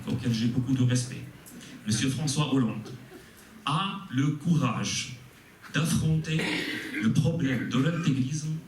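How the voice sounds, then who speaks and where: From the floor of a meeting room, a Tunisian man in the audience asks long, courteous questions in a formal, deferential manner, often pausing on hesitant fillers. His voice is mid-range in pitch and a little mellow, and he sounds distant from the mic in an echoey room with faint noise beneath.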